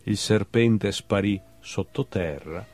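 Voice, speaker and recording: On the set of a television talk show, a guest poet from Veneto, Italy, recites a playful bestiary of brief love fables with wry humor. He speaks slowly in a lowish, darkish voice.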